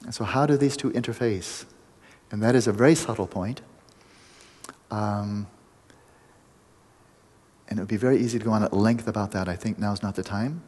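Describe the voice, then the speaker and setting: Husky-voiced man giving a reflective dharma talk. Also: lowish voice, darkish tone, long reverb tail. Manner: measured and reflective, often restarting phrases. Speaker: Buddhist teacher.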